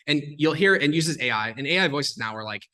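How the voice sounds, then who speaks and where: A man talking as a podcast guest, explaining things in a fast, animated way, full of "like" and "um" fillers. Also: fairly high pitch. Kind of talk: casual explanatory conversation.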